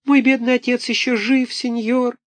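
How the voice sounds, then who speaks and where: Buratino, a shrill whiny wooden puppet boy. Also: flat delivery, moderate pace, no echo. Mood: pleading whine. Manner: shrill, thin, tearful whimpering voice.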